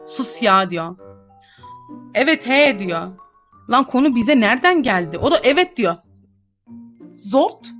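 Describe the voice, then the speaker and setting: A woman's voice: high voice, fairly bright tone. A young woman chatting and teasing through a role-play game, laughing often as she comments. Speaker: gaming YouTuber.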